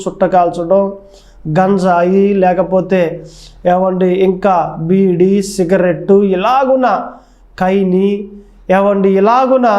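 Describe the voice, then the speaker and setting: A man's voice: high-pitched, a little mellow, muffled recording. A male pastor delivering a sermon, coaxing his listeners with repeated phrases and rhetorical questions.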